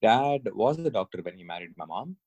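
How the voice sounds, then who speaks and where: Low-voiced Indian doctor, hesitant chat. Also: male voice, very animated, a little fast, mellow, no echo. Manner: hesitant, many fillers, laughs easily. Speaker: podcast guest, neurologist. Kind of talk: casual interview chat.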